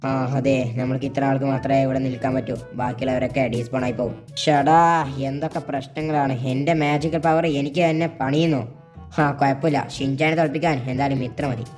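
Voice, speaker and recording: A woman's voice: a bass voice, flat delivery, fairly quick, a little mellow, soft background music, voice pushed down. A woman voicing a scheming rival boy who does magic in a game role-play, talking in a sly, plotting way. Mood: grumbling.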